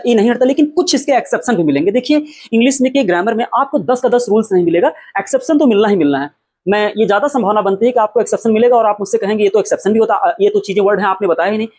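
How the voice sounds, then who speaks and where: A man with a very high-pitched but darkish voice teaches an English spelling lesson. He poses questions and answers them himself, repeats every point, and spells words out one letter at a time.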